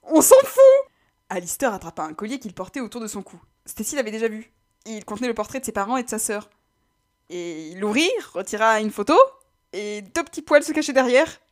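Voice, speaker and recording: A woman's voice: medium pitch, animated, brisk. A woman reading a story aloud as narrator. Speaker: reader.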